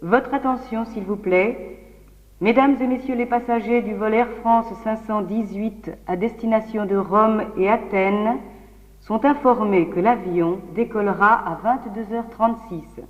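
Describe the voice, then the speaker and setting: A woman doing a formal airport announcer over the loudspeaker. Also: medium pitch. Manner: formal, measured, official. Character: adult female airport announcer, formal and even. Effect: airport public-address loudspeaker. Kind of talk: scripted public announcement for a language lesson. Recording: dull, long-reverb loudspeaker sound.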